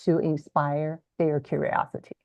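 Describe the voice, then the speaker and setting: A woman speaks in a low voice at a measured pace, with vocal fry and no echo. Her first language is Chinese, and as a guest language educator on a video call she explains ideas in an animated, teacherly interview style, often restarting and correcting her phrases. The audio is dry, slightly dull and lo-fi.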